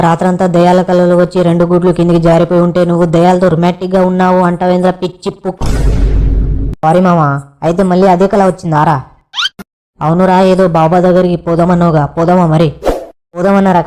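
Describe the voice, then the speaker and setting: A man's voice: high voice, mellow, a little hiss or hum. A young man trading cheeky, crude banter in a village comedy skit.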